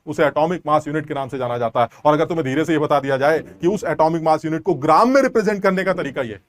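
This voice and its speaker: A man's voice: high-pitched, no room sound. A man teaching a chemistry lesson online, explaining step by step and quizzing students with rhetorical questions. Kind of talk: online class lecture.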